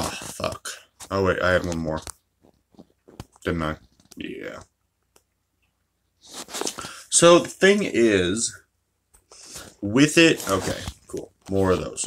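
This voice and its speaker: A man's voice: on the low side, fairly bright tone, slight background noise. A man giving casual, profanity-laced commentary while playing a mobile game, ranting about his luck. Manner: chatty, swears freely, ranting.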